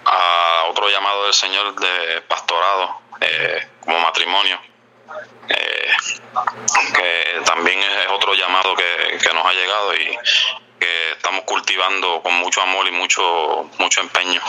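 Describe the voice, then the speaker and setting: Deep, bright-toned devout man. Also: level tone, measured pace, a little hiss or hum, poor audio. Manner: devout, answers with amens and filler words. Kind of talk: interview answers.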